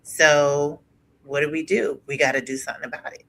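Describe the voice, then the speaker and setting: A woman talking in a casual live chat, animated and quick to laugh, acting out her own past thoughts as she speaks. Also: low-pitched, poor audio. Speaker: co-host in a live conversation.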